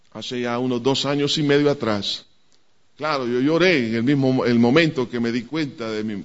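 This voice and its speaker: A man preaching a sermon to a congregation, speaking emphatically and addressing listeners directly. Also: mid-range voice. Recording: dull lo-fi church recording.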